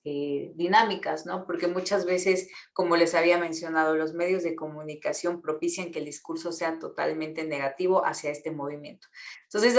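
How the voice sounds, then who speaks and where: A woman with a Mexican accent, an activist earnestly explaining things to students, often pausing with fillers and repeated words. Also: low voice, echoey room. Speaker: guest speaker, feminist activist.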